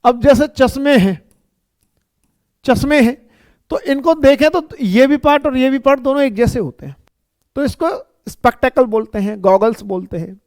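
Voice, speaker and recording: This grammar teacher has a very high, slightly mellow voice, recorded without room sound. His classroom lecture on English moves slowly and repetitively, frequently pausing to ask students "ठीक है" or "है ना".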